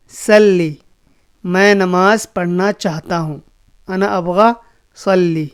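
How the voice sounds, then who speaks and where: A man teaching a spoken language lesson, slowly repeating each phrase for learners. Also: high-pitched, clean tone. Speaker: Arabic teacher.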